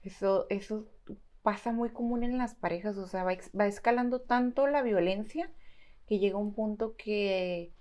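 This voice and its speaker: A woman hosts an interview as a lawyer, prompting her guest with short questions. Her voice sits at a middle pitch. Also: normal speed, a little mellow. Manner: brief affirming prompts and follow-up questions. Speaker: lawyer and host.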